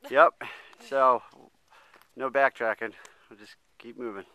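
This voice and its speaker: A young man talks to his handheld camera out on a mountain trail, his voice bright and crisply clear. He narrates in an easygoing, joking way. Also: medium pitch, steady tone, measured pace. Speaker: hiker filming a trip. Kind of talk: casual vlog narration.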